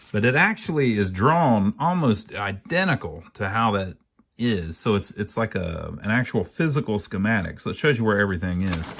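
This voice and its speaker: With slight background noise behind him, a fairly low-pitched American man walks through a casual repair job. He's an amateur radio repairer hosting a video, musing aloud in plain, folksy terms.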